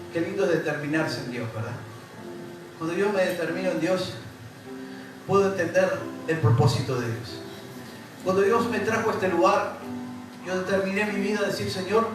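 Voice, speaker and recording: A man with a Rioplatense accent preaching a sermon as pastor, repeating phrases and speaking straight to his congregation. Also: sits high. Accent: Rioplatense Spanish. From Uruguay. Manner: preaching with repetition and rising emphasis, addressing the congregation directly. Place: church hall. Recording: echoey church hall from far off, music behind.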